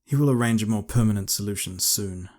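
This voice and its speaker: A man's voice: on the low side, brisk, darkish tone, lightly acted. A man doing a stern, dry housekeeper woman. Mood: irked. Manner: dry, muttering. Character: stern middle-aged housekeeper woman, cold and commanding.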